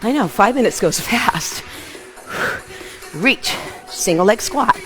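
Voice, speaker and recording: This middle-aged aerobics instructor has a medium-pitched, slightly bright voice and speaks expressively but slowly. Exercising in an open living room at home with music playing, she calls out short, punchy cues meant to encourage.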